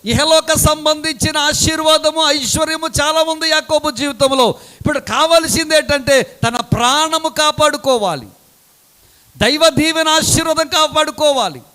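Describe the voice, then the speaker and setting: A man preaching a sermon dramatically, swinging between loud calls and low, quiet asides. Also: normal speed.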